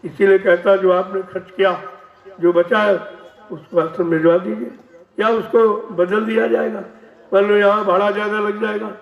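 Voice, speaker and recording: This slow devotional sermon comes from a spiritual teacher whose high, flat voice has some vocal fry as he warns his audience. Captured from a distance in a large, heavily echoing hall, the recording sounds dull and lo-fi.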